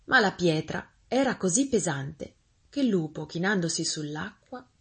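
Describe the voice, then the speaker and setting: A woman reading a fairy tale aloud as a storyteller, expressive and gently paced. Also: on the low side, unhurried, husky.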